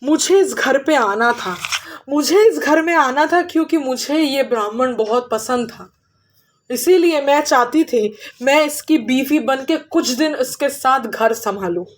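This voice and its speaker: Woman playing a shrill, begging witch. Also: measured pace. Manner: pleading, panicky, stammering. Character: wailing female witch posing as a wife.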